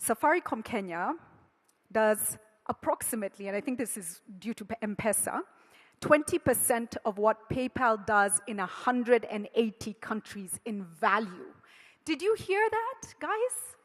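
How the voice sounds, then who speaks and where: A woman moderating a panel discussion, lively and speaking directly to the audience. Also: on the high side, measured pace. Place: conference hall. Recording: reverberant conference hall.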